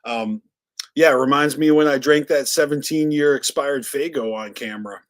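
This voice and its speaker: A man's voice: mid-range voice, normal speed. A man with a Boston accent hosting a casual live stream. He is a little tipsy and talks in a rambling, laid-back, profane way. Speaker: livestream host.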